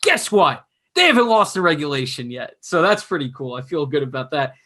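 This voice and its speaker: A young man co-hosting a casual sports podcast, chatty and analytical, his voice going hoarse. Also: on the high side, big pitch swings, fairly quick, bright, forceful tone. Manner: chatty, analytical, self-mocking. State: losing his voice. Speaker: podcast co-host.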